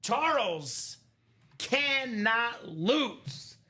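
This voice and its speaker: A man in his thirties hosting a live card break, chatty and energetic, calling out names and teams. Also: very high voice, very slow. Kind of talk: live stream commentary.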